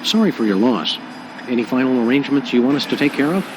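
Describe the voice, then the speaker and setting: A man voicing a polite, deadpan, unflappable dog detective in a cartoon video game. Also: medium pitch, fast, noisy background, close to an everyday voice. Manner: deadpan, courteous.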